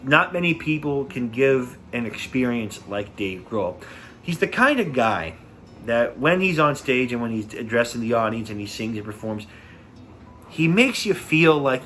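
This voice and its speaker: A man's voice: mid-range voice, a bit bright. A man with a mid-range voice talks casually as he reviews a concert. He gushes and often repeats his words. Faint noise sits behind him.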